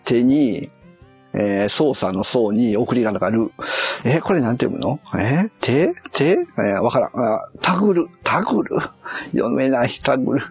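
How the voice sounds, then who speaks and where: A man's voice: medium pitch, expressive, measured pace, darkish tone, slightly rough, soft background music. A man on a casual live stream, muttering and puzzling aloud as he reads a kanji quiz and corrects himself.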